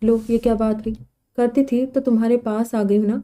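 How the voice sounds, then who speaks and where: A woman voicing an affectionate, gently joking middle-aged mother in an audiobook novel, in an even, mellow tone. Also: on the high side, lightly acted. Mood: fond. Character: fond, playful middle-aged mother and aunt.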